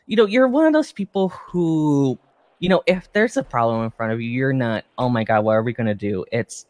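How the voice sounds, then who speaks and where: Psychic medium, improvised by a role-player: encouraging tarot reader, very animated pitch, hesitant and reassuring delivery. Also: fairly quick, no echo, natural voice. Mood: reassuring, intense. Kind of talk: improvised role-play tarot reading, seance medium manner.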